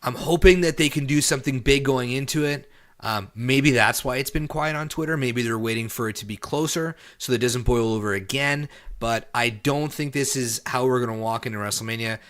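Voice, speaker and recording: A man's voice: mid-range voice, a little fast, a bit bright. A man co-hosting a wrestling podcast, chatting casually and opinionatedly, repeating points for emphasis. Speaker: podcast co-host.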